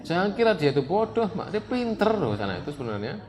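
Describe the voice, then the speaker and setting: A man preaching on parenting to a congregation, lively and direct, often asking the audience questions. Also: fairly high pitch, fast, background noise.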